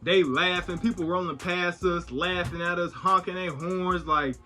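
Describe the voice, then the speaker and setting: A young man with a bright, forceful voice recounts a car mishap in loose, slangy storytime fashion. He jumps into the quotes with lively energy. His pitch sits a bit high, with faint music underneath. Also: moderate pace. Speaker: vlogger. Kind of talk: casual storytime.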